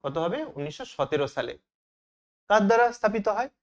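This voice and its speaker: High, lively male teacher quizzing himself. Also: fairly quick. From Bengal. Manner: asks questions and answers them himself. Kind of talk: exam question walkthrough.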